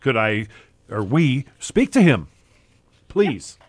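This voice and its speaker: Lively, hum-along radio host man. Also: medium pitch, takes it slowly, no room sound. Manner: jokey, hums along to the ringing phone. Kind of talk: playful radio call-in giveaway. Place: radio studio.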